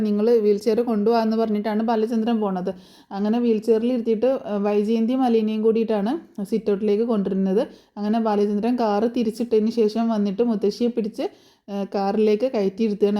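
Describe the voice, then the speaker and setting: A woman's voice: mid-range voice, dark tone. A woman casually retelling a TV serial episode, chatty, with many fillers and tag words.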